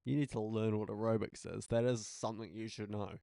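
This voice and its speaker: Young kiwi guy, low gravelly voice, dry teasing podcast banter. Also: flat delivery, fairly quick, dark tone, no room sound. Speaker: podcast co-host. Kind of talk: casual chat.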